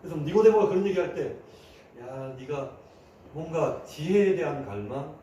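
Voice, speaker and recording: A man's voice: a little high, lively intonation, normal speed, warm tone, recorded from a distance, muffled recording, slight background noise. Preaching man in an echoey church. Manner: conversational preaching, acting out quoted voices. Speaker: pastor. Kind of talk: sermon. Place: church sanctuary. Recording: echoey room, voice from afar.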